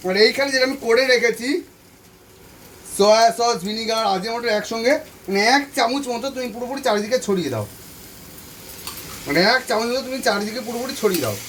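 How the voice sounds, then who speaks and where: A man's voice: very high voice, expressive, quick pace, fairly bright tone, slight background noise. A man hosting a home cooking channel, walking viewers through a recipe step by step, repeating each instruction and speaking to them directly from his kitchen stove. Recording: voice from a distance off the mic. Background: frying sizzle and stirring.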